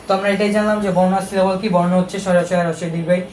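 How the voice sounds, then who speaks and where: A man's voice: high voice, flat delivery, rapid-fire, a little mellow, echoey room, slight background noise, low-quality recording. A man giving a casual video lesson, chatty and correcting himself as he goes. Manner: chatty, self-correcting, with fillers. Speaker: teacher.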